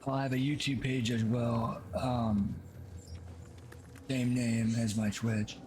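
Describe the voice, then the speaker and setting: Slow, flat-voiced male streamer. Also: medium pitch, a little hiss or hum. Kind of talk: casual stream talk.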